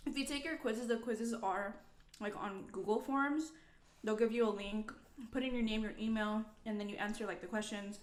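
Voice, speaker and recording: A woman in her twenties with a medium-pitched, slightly bright voice chats casually to camera as a student vlogger. She rambles and sprinkles "like" throughout, and the room sounds echoey.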